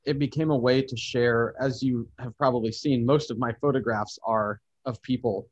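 A man's voice: medium pitch, steady tone, normal speed, dry recording. A man recounts his travels in a thoughtful, expansive manner. His voice sits in an ordinary middle register, heard over a muffled, slightly dull line. The sound is dry, with no room around it. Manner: thoughtful, expansive, speaks of cultural experiences warmly. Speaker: podcast guest, traveler and photographer. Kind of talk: reflective storytelling in conversation.

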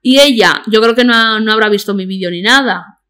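A woman guest on a chat podcast, telling stories in a blunt, sarcastic, rapid-fire way. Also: fairly high pitch, a bit bright. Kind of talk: casual chat.

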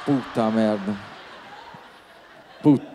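A man hosting a live comedy hypnosis show, loud, swearing and calling out to the audience on stage. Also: lowish voice, takes it slowly. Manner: loud, swearing, calls out to the crowd. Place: theater stage. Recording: echoey theater with faint noise.

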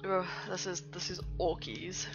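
A woman's voice: lowish voice, steady tone, measured pace, creaky. A young woman hosting a game let's-play, chatting casually and with amusement as she reads the in-game chats aloud, on a slightly dull recording with faint music. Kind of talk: casual gameplay commentary.

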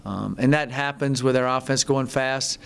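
A middle-aged man, a head football coach, answering reporters at a postgame press conference, halting, with many ums and restarts. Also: mid-range voice, vocal fry, smooth. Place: press conference room, seated at table. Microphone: table mic in front.

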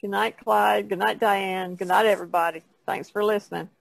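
A woman chats casually as a podcast guest, with heavy vocal fry. Her voice is fairly low for a woman and recorded dry. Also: steady tone, a little fast, no echo, poor audio. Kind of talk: casual chat.

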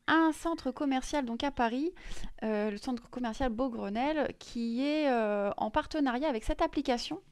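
A woman's voice: a little high, a little mellow, smooth, no room sound. A woman presenting crypto news in a casual screen-share explainer, chatty and full of hesitations. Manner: many fillers and restarts, chatty.

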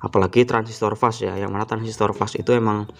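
A man hosting his own electronics channel, talking casually and loosely, with lots of fillers and throat clearing. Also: fairly low pitch, level tone, quick pace, fairly bright tone. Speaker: electronics hobbyist channel host. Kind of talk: casual how-to talk to camera.

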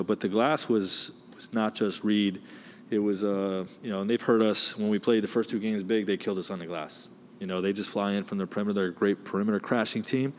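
Low-voiced man coach at postgame presser. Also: slight background noise. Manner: measured, many "you know" fillers. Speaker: head basketball coach. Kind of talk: postgame press conference answers. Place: indoor press room. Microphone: desk mic, close.

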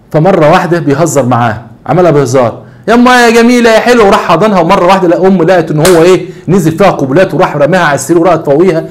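A rapid-fire man with an Egyptian accent tells a case story as a talk show host. His voice sits a little high for a man. He keeps throwing rhetorical questions and repeating his points for emphasis. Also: a little mellow. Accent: Egyptian Arabic. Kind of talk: storytelling monologue on a social case.

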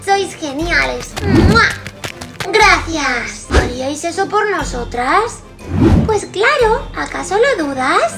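A woman with a Castilian Spanish accent voicing excitable little girl princess dolls in a dramatic, childlike children's play story. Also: extremely high pitch, slow, gravelly, heavily acted. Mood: cheerful. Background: background music.

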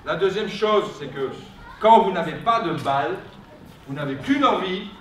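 A man's voice: sits high, lively intonation, moderate pace, fairly bright tone. A man leading a theatre workshop for pupils, talking earnestly and searching for words, with many fillers. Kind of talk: coaching pupils in a drama exercise. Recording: roomy sound from a distant mic.

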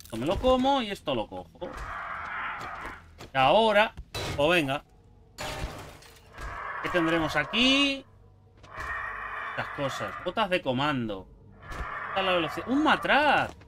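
A young man giving jokey, excitable commentary while playing a survival game, yelping at sudden scares. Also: sits high, measured pace, long pauses, noisy background. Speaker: gaming YouTuber. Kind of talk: gameplay commentary.

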